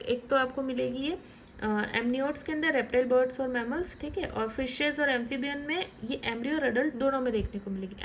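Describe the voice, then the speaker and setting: A woman teaching biology in a relaxed lecture style, often checking in with the class and restarting words as she explains diagrams. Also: high-pitched, a little hiss or hum, low-quality recording.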